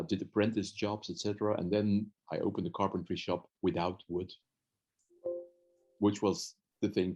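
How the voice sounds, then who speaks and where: A man's voice: low-pitched, darkish tone, dull audio. A man from Belgium, a consultant, giving an earnest online talk as guest speaker over a video call, often restarting his sentences. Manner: earnest, with frequent restarts and fillers. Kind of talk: webinar presentation.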